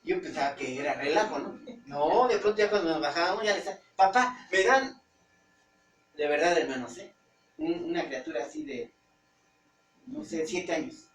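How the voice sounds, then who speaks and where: A man with a Mexican accent, a pastor preaching conversationally to his congregation, often pausing and searching for words. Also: on the high side. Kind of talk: informal Bible-study preaching. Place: church hall. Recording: roomy church hall, distant mic, faint hum.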